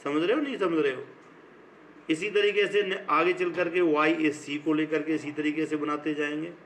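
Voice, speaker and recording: A middle-aged man with an Indian accent, a school teacher giving an online grammar lesson in slow, dictation-like phrases, switching between English and Hindi. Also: a little high, fairly even intonation, a bit bright, a little hiss or hum, rough recording.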